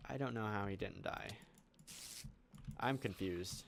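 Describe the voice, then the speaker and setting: Casting note: a man with a low, gravelly voice, casual gaming commentary over faint keyboard clicks. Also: unhurried, noisy background. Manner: relaxed, thinking aloud while building. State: hiccuping. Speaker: gaming channel host. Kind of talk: casual let's play commentary.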